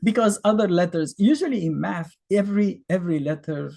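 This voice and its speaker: This man from Egypt, in his fifties and a native Arabic speaker with an Egyptian accent, teaches a beginner math lesson casually, with fillers and rhetorical questions. His voice is high-pitched yet dark, creaky and expressive, and he talks briskly.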